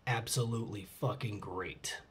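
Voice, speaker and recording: A fairly low-pitched male voice at normal speed belongs to a middle-aged channel host. At home with his cat, he casually reads out fan comments and answers them, breaking into laughter often and muttering asides.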